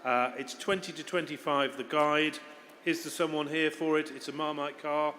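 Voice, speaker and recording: A man's voice: fairly high pitch, steady tone, normal speed, sharp tone, a little hiss or hum. A man in his fifties introducing auction lots informally, with conversational asides. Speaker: auction presenter describing lots. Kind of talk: informal live lot description. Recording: echoey hall with long reverb.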